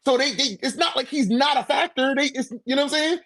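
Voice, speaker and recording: Talking fast in an extremely high, somewhat bright voice, a man debates casually on a manga ranking podcast. He swears, leans hard on slang, and keeps dropping "you know what I'm saying" to make sure the listener follows.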